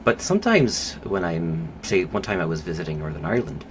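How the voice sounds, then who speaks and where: A man speaking as a psychologist guest on a podcast interview, thoughtful and measured, with pauses and fillers. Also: low-pitched, sing-song, low-quality recording. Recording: clear background noise.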